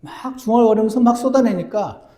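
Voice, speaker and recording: A man preaching a sermon as pastor, earnest, moving between emphatic lines and hushed ones. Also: sits high, a little fast. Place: church.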